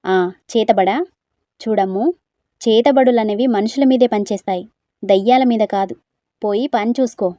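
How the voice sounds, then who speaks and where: Irritable young man in a storybook, curt and scolding, read by a woman, mellow tone. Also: a little high, moderate pace, long pauses, no echo, natural voice. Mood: irritated.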